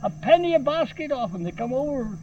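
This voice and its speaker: A man's voice: extremely high pitch, big pitch swings, brisk, a little mellow. An older Welsh man giving casual interview answers, often repeating his short phrases. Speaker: town crier being interviewed. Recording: muffled, noisy, distant field recording.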